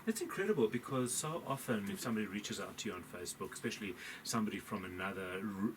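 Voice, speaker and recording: Male radio host, encouraging interviewer, lower voice, some background noise. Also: lively intonation, quick pace. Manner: encouraging, frequent laughs and affirmations.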